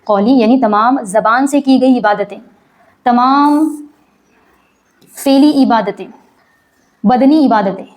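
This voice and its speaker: Woman slowly reciting and explaining prayer. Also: a little high, darkish tone. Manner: alternates slow careful recitation with brisk explanation; asks and answers her own questions. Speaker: religious teacher. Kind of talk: recitation lesson with slow drawn-out chanting.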